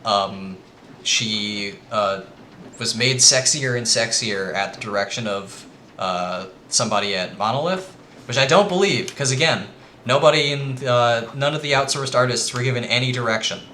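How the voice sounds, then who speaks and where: A man's voice: mid-range voice, moderate pace, slight background noise. A man giving a casual, rambling presentation to friends, with lots of ums. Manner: rambling with frequent ums, quietly earnest.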